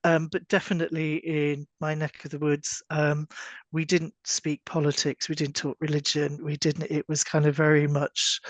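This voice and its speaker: A man's voice: on the high side, dry recording. A man from West England near the Welsh border, a library union representative speaking reflectively on a panel with many fillers. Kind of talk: panel discussion.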